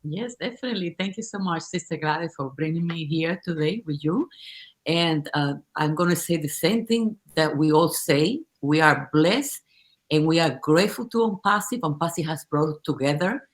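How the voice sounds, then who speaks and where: A woman's voice: deep voice, lively intonation, normal speed. An older woman from the Dominican Republic talks as a guest over a video call. She sounds upbeat and reflective, stumbling and restarting now and then. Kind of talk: casual online chat.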